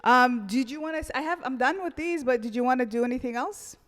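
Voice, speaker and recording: A woman's voice: high-pitched, fast talker. A woman hosting a casual chat, often searching for her phrasing as she asks questions. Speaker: host. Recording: echoey room with long reverb.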